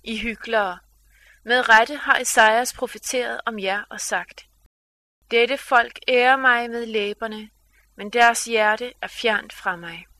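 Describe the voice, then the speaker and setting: A woman giving a measured, solemn scripted reading of scripture. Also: on the high side, pushed and bright, no room sound. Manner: measured, solemn read-aloud delivery.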